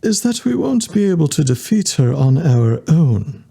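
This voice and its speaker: A man voicing a polite, precise male robot in a formal, measured way. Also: fairly high pitch, very animated, vocal fry, warm tone, breathy edge, pitched above the performer's own voice, full character voice. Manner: formal, measured, strange electronic tone.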